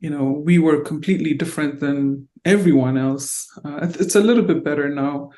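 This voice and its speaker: Middle-aged woman, halting and reflective. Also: low voice, dark tone. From born in Ethiopia, raised in North Carolina. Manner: reflective, halting with frequent fillers. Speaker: interviewee, diplomat. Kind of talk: oral history interview.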